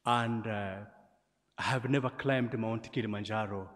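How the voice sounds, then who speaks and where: A man, a priest leading Mass in a measured, gentle way, his voice ringing with cathedral-like church echo. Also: lowish voice, steady tone. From Tanzania. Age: 40s. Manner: gentle, measured liturgical delivery with light humor. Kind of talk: celebrating Mass. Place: large church. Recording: long church hall reverb.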